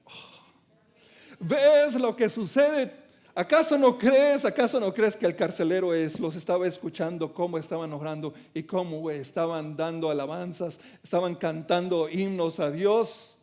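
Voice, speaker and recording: A male pastor delivering a fervent sermon. His voice sits very high and he stresses his points with emphatic swells. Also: fairly even intonation, normal speed, darkish tone.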